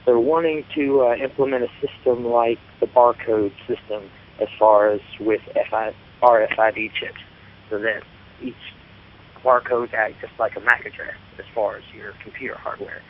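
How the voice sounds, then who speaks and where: A man's voice: medium pitch, fairly even intonation, normal speed. Kentucky guy w/ appalachian twang talking tech on a radio show, tinny phone sound, bit of hiss. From Kentucky, United States. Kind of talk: casual tech discussion.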